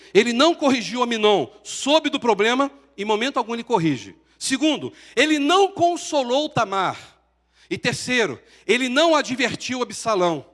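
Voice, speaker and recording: A Brazilian pastor with a high voice preaches a sermon. He builds his points with pauses and rising emphasis, and his voice rings out with a long church-hall reverb behind it. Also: fairly bright tone. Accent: Brazilian Portuguese.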